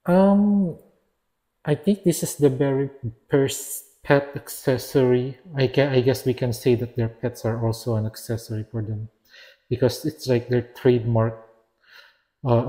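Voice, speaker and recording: Slow, mellow-voiced man reviewing toys. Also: medium pitch, fairly even intonation. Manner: hesitant, restarts and corrects himself. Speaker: action figure reviewer. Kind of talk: casual product review narration.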